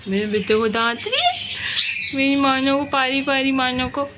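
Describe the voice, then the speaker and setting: A woman's voice: high-pitched, moderate pace, lo-fi sound. A woman with a Pakistani Urdu accent talking to her pet parrot in a casual home vlog, scolding and coaxing it in a singsong voice. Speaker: home cooking and pet vlogger. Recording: noisy home clip with bird chirps.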